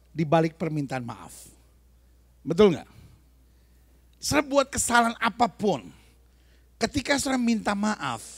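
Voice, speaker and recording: Lively preacher, high gravelly voice. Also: male voice, no echo. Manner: animated, questioning the audience, mixing in English phrases. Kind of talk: lively sermon to a congregation. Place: church hall.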